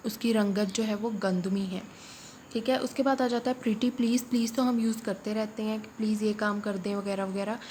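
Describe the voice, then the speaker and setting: Patient woman teaching English phrases. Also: mid-range voice. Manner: patient, repeats each phrase slowly. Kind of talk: spoken language lesson. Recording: faint background noise.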